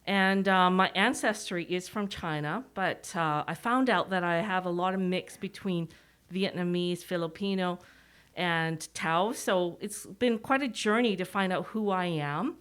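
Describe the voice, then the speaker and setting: An executive director, a middle-aged woman with a Canadian accent, gives an informal public presentation through a mask, partly reading from notes and poking fun at herself. Her voice is on the low side, a bit bright, clear, and resonant, and she speaks a little slowly.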